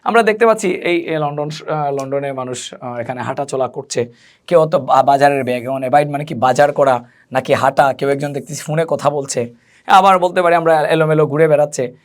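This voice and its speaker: Slow explanations, spelled-out words, and self-answered questions mark this man's spoken English lesson, delivered in a voice on the high side.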